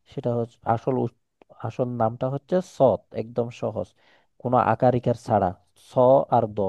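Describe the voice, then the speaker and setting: A patient man with a Chittagong Bengali accent, teaching letters slowly and repeating each sound. His voice is dark and mellow, and the line is dry and dull like a call. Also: mid-range voice, vocal fry, dry recording. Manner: patient, explains slowly with repetition and examples. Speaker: Quran teacher. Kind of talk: one-on-one Quran lesson.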